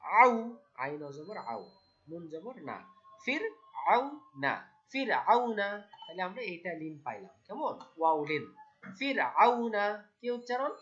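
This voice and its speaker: Woman recitation teacher, slow and patient, drills syllables then asks for repetition, muffled lo-fi sound. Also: medium pitch, big pitch swings, soft background music. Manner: spells out syllables, then asks listeners to repeat. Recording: dull lo-fi sound.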